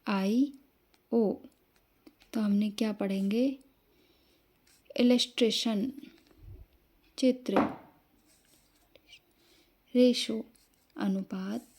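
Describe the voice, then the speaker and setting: A woman teaching English pronunciation in a slow, explanatory lesson, spelling out letters one by one and answering her own questions. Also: mid-range voice, fairly even intonation, darkish tone. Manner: asks the class questions, then answers them.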